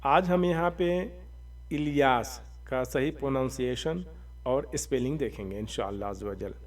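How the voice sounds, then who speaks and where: A man teaching the correct pronunciation and spelling of a name, slowly spelling out letters and vowel marks in a calm lesson. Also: medium pitch, far from the mic. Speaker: religious teacher. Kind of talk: explanatory lesson.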